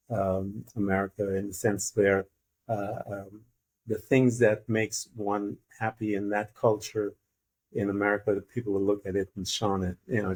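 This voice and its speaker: A man from Guyana hosts a casual interview in a lowish voice. He talks in a reflective, rambling way, pausing with fillers as he shapes his questions. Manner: thoughtful, meandering, many fillers. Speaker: interview host.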